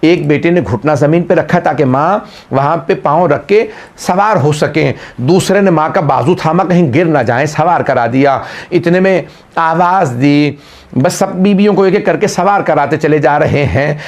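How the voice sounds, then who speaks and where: Male cleric, high voice, emotive majlis storytelling sermon. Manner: emotive storytelling preacher, drawn-out recitation. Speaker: Shia cleric. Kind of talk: Muharram majlis sermon with lament.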